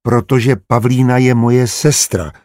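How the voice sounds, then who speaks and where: A man's voice: medium pitch, expressive, slightly rough, no room sound, studio quality. A man voicing a short-tempered widowed brother in an audiobook, speaking curtly with a raised voice. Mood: firm.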